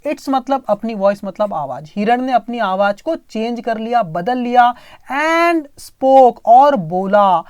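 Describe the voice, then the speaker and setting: A woman with an Indian accent teaches English, reading each line of a story slowly and explaining it in Hindi. She keeps asking herself questions and answering them. Her voice sits a little high, and the recording is close and dry. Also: expressive, darkish tone, clear, resonant tone, no room sound, muffled recording. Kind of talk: line-by-line story translation lesson.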